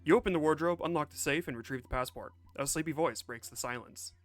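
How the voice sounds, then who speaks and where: A man's voice: a little high, fast talker, faint music behind. A man streaming a game, joking around casually and reading its narration aloud. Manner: joking, laid-back, reads narration aloud.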